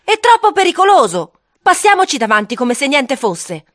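A man reading an audiobook, voicing a bold young schoolboy who talks fast and bossy. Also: very high voice, huge pitch swings, a bit bright, dry recording, clean studio sound, pitched above the performer's own voice, heavily acted. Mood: firm. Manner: eager, bossy, quick-talking.

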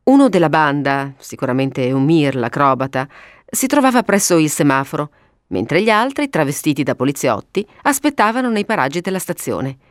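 Woman playing a sharp, urgent male detective. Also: very animated, normal speed, no echo, studio quality. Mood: explaining. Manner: urgent, high-pitched exclamations.

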